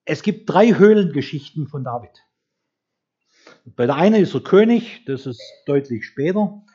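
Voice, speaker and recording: A man preaching a conversational, storytelling sermon who slows down to read scripture aloud. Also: a little high, animated, dark tone, breathy edge. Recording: dull lo-fi recording.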